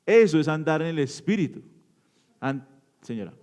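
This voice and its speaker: Guy preaching in church, slightly high voice, keeps asking the crowd stuff then answering it himself, gets loud then drops real low. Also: animated, normal speed. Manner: asks the congregation questions and answers them; swings between loud emphatic bursts and low quiet endings. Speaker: pastor. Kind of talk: interactive sermon teaching.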